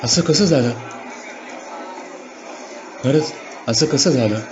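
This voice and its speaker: A man's voice: mid-range voice, takes it slowly, a crowd in the background. A man performing a dramatic first-person monologue, sounding bewildered and asking himself questions. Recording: dull, muffled lo-fi recording.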